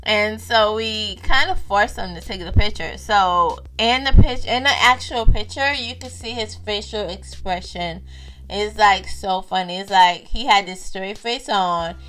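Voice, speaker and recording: A woman's voice: mid-range voice, unhurried, bright, forceful tone, slight background noise. A woman in her thirties, a mother hosting a parenting vlog, telling family stories to viewers in a casual way and repeating her phrases.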